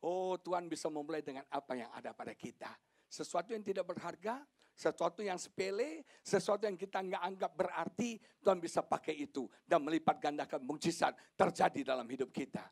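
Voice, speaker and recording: A man preaching a sermon as pastor, animated, swinging from loud exclamations to quiet emphasis, with joking asides. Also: fairly high pitch, brisk.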